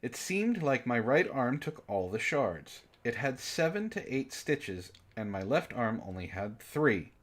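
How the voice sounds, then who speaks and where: A man at medium pitch reads fan fiction aloud to his comic book club, his voice swinging widely in pitch. He goes a little slowly with few pauses, breaking in with incredulous, exasperated mockery.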